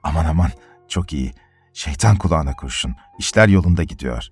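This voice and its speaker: A man voicing a vain, pompous middle-aged army major who exclaims loudly and boastfully. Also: lowish voice, animated, normal speed, soft background music, lightly acted. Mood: smug.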